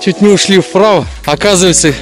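A vlogger in his forties narrates a casual hiking vlog, walking through a snowy pine forest in deep frost while holding an action camera at arm's length. His high voice is fairly quick and chatty, breathless as he trudges through snow, with music playing over it.

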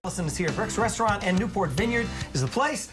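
Fast-talking upbeat male TV host. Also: sits high, lively intonation, over music. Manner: upbeat, asks questions, teasing. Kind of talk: lifestyle TV segment. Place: TV studio kitchen set.

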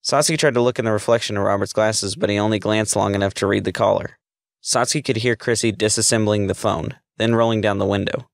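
Male storyteller, low pitch, gravelly tone, dry close sound. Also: steady tone, fast, no echo. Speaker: narrator. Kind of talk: reading a story aloud.

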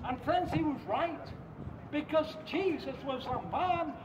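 A man's voice: extremely high pitch, measured pace, background noise. A man preaching an emphatic open-air sermon on the street, often calling out to his listeners as friends. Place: outdoors on a street. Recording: far-off echoey muffled street recording.

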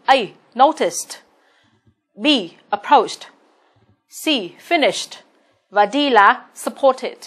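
A woman's voice: on the high side, fairly bright tone. A young adult woman teaching English exam answers, speaking Vietnamese and English words with a Vietnamese accent, patient and often checking in with her students. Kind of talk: exam answer walkthrough lesson.

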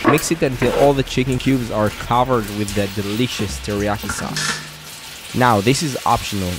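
A young man giving calm, step-by-step cooking instructions in a scripted voice-over. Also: on the low side. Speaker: fitness cooking creator. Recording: voice-over over loud music. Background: background music.

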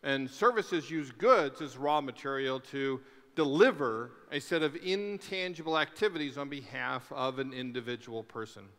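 A man's voice: medium pitch, moderate pace, fairly bright tone. Man giving a keynote in a reverberant hall. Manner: emphatic, repetitive rhetorical lists, audience questions. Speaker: keynote speaker. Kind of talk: conference keynote speech. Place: large conference hall stage. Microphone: headset mic.

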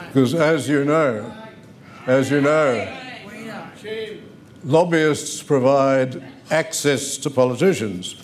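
A man's voice: mid-range voice, slow pace, pauses often. Older man, emphatic formal speech. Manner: forceful, emphatic repetition. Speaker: convention speaker. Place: conference hall on stage.

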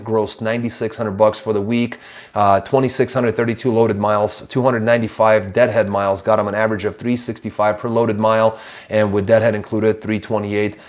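A man in his thirties with a lowish voice runs through freight loads and per-mile rates, peppering the figures with "uh" and "you know". He sits in a small office on a lapel mic. The sound is a bit dull and muffled. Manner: brisk, number-heavy delivery with frequent "uh" and "you know". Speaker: truck dispatch company host. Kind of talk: business recap to camera. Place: small office, indoors, seated in leather chair.

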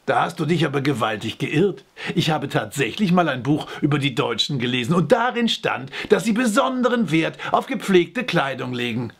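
A male reader puts on a stubborn old man from a village, nosy and sure of himself. The voice sits fairly high and swings widely. It sounds like an audiobook scene. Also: very animated, normal speed, gravelly, hardly any pauses, fairly bright tone, husky, heavily acted. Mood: boastful. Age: older. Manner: stubborn, self-assured.

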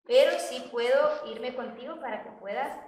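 A woman voicing a helpful, friendly horse in a gentle storybook voice. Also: a little high, normal speed, a little hiss or hum, lightly acted. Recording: echoey room, distant mic.

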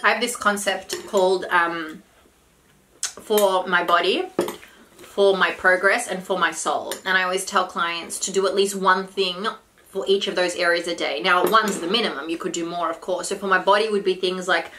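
Eating at a table in a small room indoors, a health coach and vlog host in her thirties chats casually and hands out health advice. She speaks at a moderate pace with a fairly low pitch and fairly even intonation. Clinking cutlery, bowls and other background noise come through on the camera placed a short distance away.

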